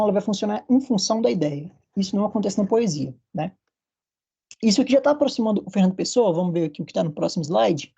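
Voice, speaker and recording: A man's voice: high-pitched, gravelly, mellow, slightly rough. A man with a Brazilian Portuguese accent giving an academic literature lecture, explaining at length with frequent tag questions and restarts.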